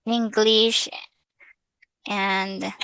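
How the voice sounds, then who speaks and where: In a casual screen-share tutorial, a Tagalog-speaking woman from the Philippines walks viewers through signing up in Filipino-accented English, hesitant and filler-heavy, dropping into Tagalog now and then. She speaks very slowly at mid-range with little pitch movement and vocal fry; her tone is clear, resonant and a bit bright. The recording is dry and rough.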